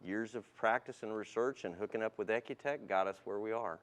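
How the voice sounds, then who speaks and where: A man appearing as a guest car tuning specialist explains a product in plain, polite, matter-of-fact terms during an interview. His voice is fairly low and his delivery brisk.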